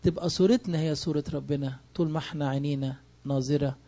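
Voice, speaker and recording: A man's voice: a little high, fairly even intonation, quick pace, warm tone, highs cut off. A man with an Egyptian Arabic accent preaching a sermon, emphatic and full of rhetorical questions. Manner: emphatic, asks rhetorical questions and answers them.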